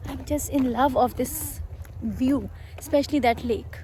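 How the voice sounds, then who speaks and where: Speaking at a measured pace in a high, mellow voice, a travel vlogger narrates outdoors into her handheld phone as she walks around a hilltop castle and lake. Her delivery is casual and upbeat, with many fillers and restarts, and a little hiss or hum sits underneath.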